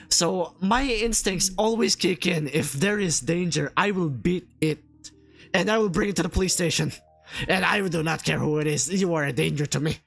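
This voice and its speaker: A stream host in casual group chat, joking with exaggerated outrage and laughing often. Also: mid-range voice.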